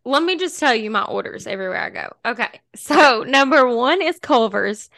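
A woman's voice: a little high, animated, normal speed, vocal fry, a bit bright, no room sound. A young woman co-hosting a podcast, chatting casually and gushing with lots of laughter. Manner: bubbly, gushing, laughs often. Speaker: podcast co-host. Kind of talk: casual chat.

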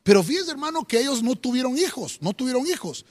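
A pastor preaches a sermon in a very high-pitched, very animated voice at a quick pace. He speaks directly to the listener, building with rising emphasis and repeatedly adding "hermano".

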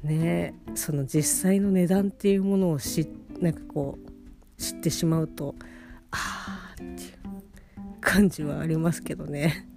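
Over plucked guitar music, the host of a personal audio diary talks casually and drowsily while lying down, rambling on in a monologue. Her deep, creaky voice keeps a fairly even intonation at a normal pace.

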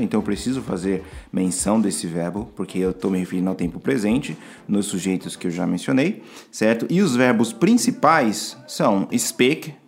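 A man's voice: on the low side, creaky. A man, an English teacher patiently explaining grammar on a podcast, often restarting his sentences.

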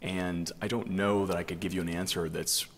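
A man with a low voice presents a formal legal argument as an attorney. He explains carefully and addresses the bench with deference. The room is reverberant, with faint noise behind him. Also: little pitch movement, moderate pace. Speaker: attorney arguing before a court.

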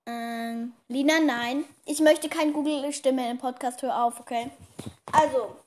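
Bossy chatty high-voiced girl podcaster. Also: steady tone, slight background noise. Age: child, about 10 to 11. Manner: bossy older-sister tone, chatty and quick. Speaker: podcast host. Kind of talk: casual kids' podcast chat.

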